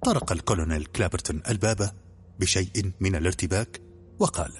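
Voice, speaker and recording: A man narrating an audiobook in a brisk, even storytelling manner. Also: low voice, husky.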